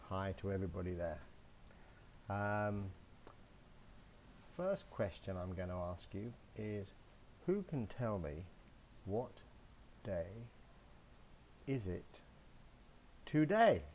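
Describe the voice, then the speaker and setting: A man from England, his voice on the low side, slowly teaches English to young children and spells each word letter by letter. He's recorded outside in a home garden, with a little hiss or hum.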